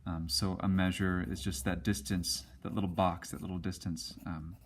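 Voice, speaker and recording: Low-voiced guy teaching music basics, lots of ums, casual and a bit halting. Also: level tone, a little hiss or hum. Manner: casual, hesitant with many ums and restarts. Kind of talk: whiteboard music lesson.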